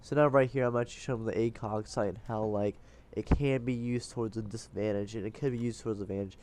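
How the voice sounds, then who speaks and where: Stuffed-up man with a mellow, congested voice. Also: lowish voice, fairly even intonation, fast talker, a little hiss or hum. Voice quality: stuffed-up, blocked-nose congested sound. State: congested, breathing through the mouth. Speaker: gaming video host. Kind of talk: casual gameplay commentary and tips. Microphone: voice-over dubbed onto game footage.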